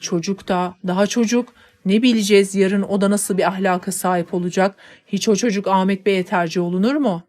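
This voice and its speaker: A woman voicing a stern middle-aged father who speaks firmly and dismissively, brisk and quick. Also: medium pitch, steady tone, a little mellow, natural voice.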